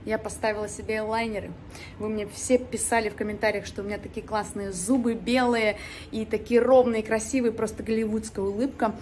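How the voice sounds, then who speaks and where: A woman vlogger talks in a fairly high voice, casual and playful. Her s sounds slide slightly toward sh in a soft lisp. It is a handheld phone recording in an apartment, with some background noise. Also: steady tone, a little fast. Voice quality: slight lisp, sh for s, from new dental aligners. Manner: chatty, playful. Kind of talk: casual chat to camera. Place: apartment living room and kitchen. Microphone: phone at arm's length.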